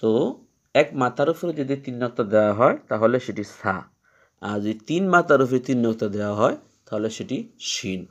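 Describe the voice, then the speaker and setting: A man teaching Quran reading, explaining each letter patiently and repeating its sound slowly three times. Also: medium pitch, animated, muffled recording. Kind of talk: step-by-step letter lesson.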